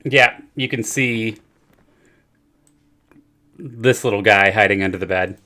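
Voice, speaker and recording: A man's voice: on the low side, slow, sharp tone. A man running a tabletop game as game master, narrating casually and off the cuff with joking asides.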